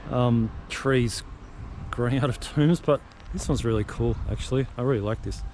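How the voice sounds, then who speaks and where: Filming handheld as he roams the rural countryside, a travel vlogger offers casual, musing commentary in a mid-range, slightly mellow voice at normal speed. Wind and outdoor ambience come through the noisy camera audio.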